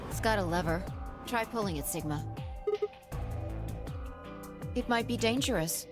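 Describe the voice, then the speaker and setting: A woman's voice: medium pitch, expressive, a little fast, natural voice. An actress voicing a sassy young woman who is a puzzle companion in a video game, speaking in a teasing, cheeky way. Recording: game audio with music behind.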